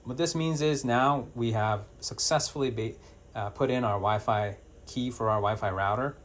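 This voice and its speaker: In an informal product tutorial, a man walks through the steps in a plain-spoken, hands-on, instructional manner. He has a medium-pitched voice at normal speed, with a bit of hiss or hum in the audio.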